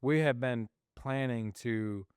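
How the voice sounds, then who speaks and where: Smooth-voiced male podcast host, lively storyteller. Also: mid-range voice, slow, no room sound, clean studio sound. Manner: animated, laughs often, acts out quoted voices. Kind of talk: casual storytelling chat.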